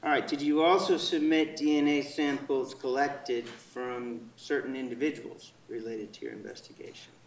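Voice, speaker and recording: A male attorney questions a witness in a formal, methodical way, step by step. His mid-pitched voice sounds far from the microphone in a very echoey courtroom. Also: steady tone, moderate pace, few pauses. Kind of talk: courtroom direct examination. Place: indoor courtroom.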